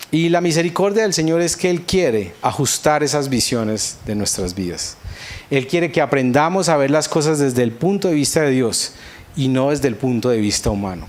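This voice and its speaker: A man with a Colombian accent preaching a sermon, telling a personal story and acting out his own past prayers with earnest feeling. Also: mid-range voice. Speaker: pastor.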